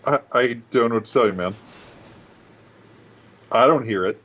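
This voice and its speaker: A man in casual chat about video games over an online call, his voice pitched down a couple of semitones so it sounds unnaturally deep, swearing casually and laid-back. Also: moderate pace, fairly bright tone. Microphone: computer mic over an online voice call. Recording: dull lo-fi voice call audio.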